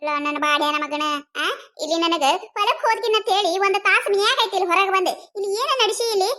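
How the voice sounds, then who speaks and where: An angry cartoon village wife, acted by a woman, hurling insults in a North Karnataka accent. The voice is shrill and very high. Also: fast. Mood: scolding. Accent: North Karnataka Kannada. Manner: scolding, shouting insults.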